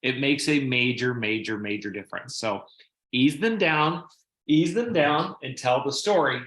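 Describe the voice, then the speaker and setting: A man's voice: medium pitch, a little slow, fairly bright tone, roomy sound. A man giving sales training on a video call, talking casually and repeating himself as he acts out customers.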